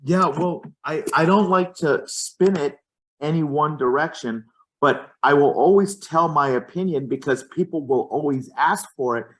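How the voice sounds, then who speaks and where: A man's voice: on the high side, a little slow. Emphatic man with a raised voice. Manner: passionate, emphatic, repeats his starts. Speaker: real estate agent. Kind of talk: casual podcast chat.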